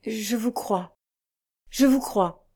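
A woman reading the lines of a gentle, tearful young noblewoman in a novel, in a soft and emotional voice. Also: a little high, measured pace.

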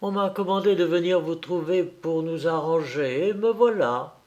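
Man voicing a gentle humble peasant mother. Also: fairly high pitch, normal speed, muffled recording, voice pushed up, lightly acted. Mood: friendly. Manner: gentle, simple, rustic.

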